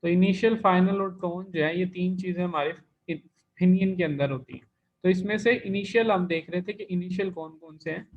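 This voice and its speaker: A man teaching an online language class, explaining patiently step by step and repeating key terms. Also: sits high. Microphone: computer mic in an online class. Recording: dull lo-fi online class recording.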